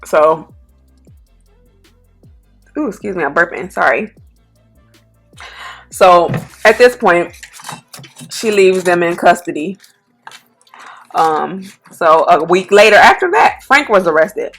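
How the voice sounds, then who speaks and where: A woman hosting a mukbang, casually retelling a story in a relaxed, slangy way with lots of fillers. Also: lowish voice, takes it slowly, pauses often, faint music behind. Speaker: mukbang channel host. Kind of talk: casual storytime while eating.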